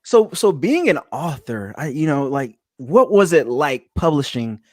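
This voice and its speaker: A man's voice: fairly high pitch, big pitch swings, measured pace, dry recording, clean studio sound. A man hosting a podcast, joking in a playful way, affirming his guest and often repeating his words. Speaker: podcast host. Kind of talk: casual interview chat.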